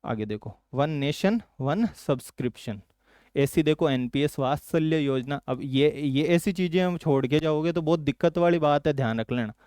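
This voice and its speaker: A male teacher from Rajasthan, India, runs a current affairs exam-prep lesson, asking quick questions and then answering them lower and softer. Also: clear, resonant tone, no room sound, clean studio sound.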